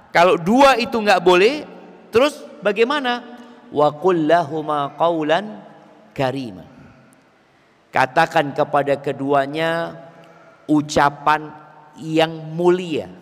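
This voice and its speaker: A man delivers a lively sermon, speaking straight to his congregation. His voice sits fairly high and leaps higher whenever he drives home a point. A long reverb from the hall trails behind every phrase. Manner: lively, rising sharply for emphasis, addresses the congregation. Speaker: preacher.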